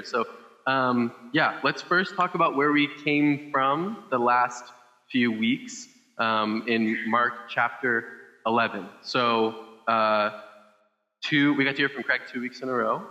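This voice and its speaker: A man's voice: medium pitch, sharp tone, long reverb tail, dull audio. A man preaching a casual Sunday sermon on a microphone, chatty and loose, with many fillers and restarts. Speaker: pastor. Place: church service.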